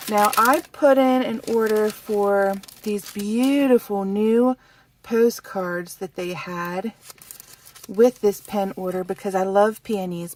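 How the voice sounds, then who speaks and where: A woman's voice: medium pitch, darkish tone. Chatty woman vlogger, slightly distant mic. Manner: chatty and friendly, with fillers. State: a little winded. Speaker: stationery vlogger. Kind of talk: casual show-and-tell chat.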